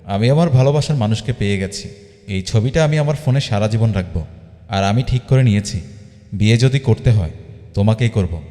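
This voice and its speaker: A man's voice: on the low side, brisk, warm tone, long reverb tail, natural voice. A man voicing a pushy, melodramatic young woman on a first date, demanding and scolding.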